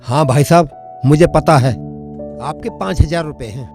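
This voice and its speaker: A man's voice: on the high side, normal speed, darkish tone, faint music behind, natural voice. A man playing a poor debtor who meekly pleads for more time. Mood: pleading. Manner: pleading, meek. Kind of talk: comedy film acting.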